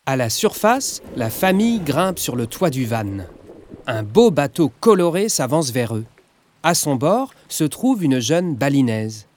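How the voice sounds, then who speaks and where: A man narrating a children's audiobook in a lively, expressive storytelling manner. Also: medium pitch, unhurried, faint music behind.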